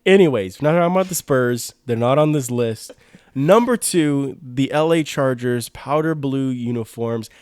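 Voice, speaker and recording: A man's voice: mid-range voice, a little slow, darkish tone, dry recording, studio quality. A young man co-hosting a podcast, chatting casually about sports uniforms, eager, with many "like" fillers and restarts. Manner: enthusiastic, lots of "like" fillers and restarts. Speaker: podcast co-host.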